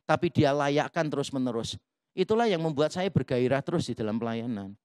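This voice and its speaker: A man's voice: mid-range voice, fairly quick, smooth, dry recording, studio quality. A male pastor preaching a sermon, telling stories and acting out the dialogue, with English phrases mixed in. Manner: lively storytelling, acts out quoted dialogue.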